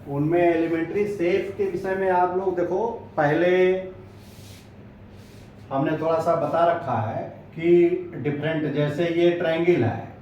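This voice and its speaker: A man teaching a school maths lesson, speaking slowly with many pauses as he points things out on the board. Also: on the high side, warm tone, a little hiss or hum. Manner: slow, pausing, points while explaining. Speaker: maths tutor. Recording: echoey, distant, dull lo-fi sound.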